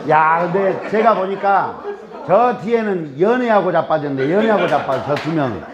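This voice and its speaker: A man's voice: high voice, animated, normal speed. A man from Jeolla with a Jeolla Korean accent, giving a humorous lecture to a live audience, joking, teasing and firing rhetorical questions at the crowd. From Jeolla, South Korea. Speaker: guest lecturer. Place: lecture room. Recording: dull lo-fi recording.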